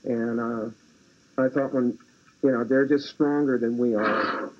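A man speaking slowly with pauses in a postgame interview as a college player. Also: mid-range voice, steady tone. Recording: dull lo-fi 1990s TV clip.

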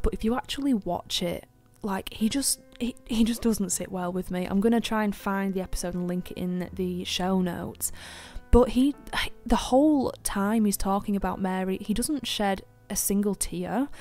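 A woman's voice: medium pitch, warm tone. A woman hosting a true crime podcast, telling a case in a chatty, opinionated way with lots of fillers and asides. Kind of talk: casual true crime storytelling.

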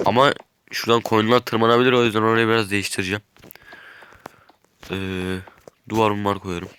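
A man's voice: fairly low pitch, little pitch movement, a little fast, a bit bright, a little hiss or hum. A man with a stuffy nose chatting casually as he narrates his game while building, thinking aloud. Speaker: gaming YouTuber. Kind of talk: casual gameplay commentary.

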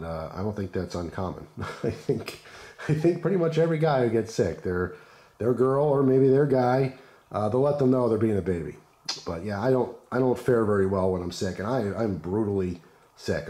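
A man with a hoarse, congested voice from the flu, casually reviewing gear in a laid-back, chatty way. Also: lowish voice, lively intonation, normal speed, dark tone. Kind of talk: casual unscripted product commentary. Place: indoors at a wooden table.

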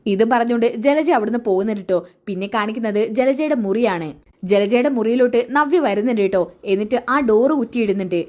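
A woman's voice: fairly high pitch, a little fast, a little mellow. A woman casually retelling a TV serial episode in a chatty storytelling style. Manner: chatty, adds tags like 'kettō' and 'ṭṭō'. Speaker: serial recap narrator.

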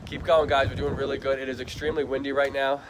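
A man's voice: level tone, quick pace, crowd noise, low-quality recording. A man hosting a casual charity livestream at an outdoor animal shelter, reading out viewer comments. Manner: talks to the dogs in a high, soothing baby voice; reads out and answers viewer comments. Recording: outdoor wind and barking noise.

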